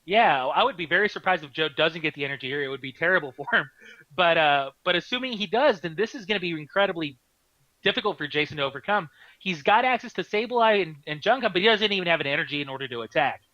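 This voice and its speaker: A man doing live card game commentary, excitable, laughing often and restarting his sentences. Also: on the high side, fast, no echo, dull audio.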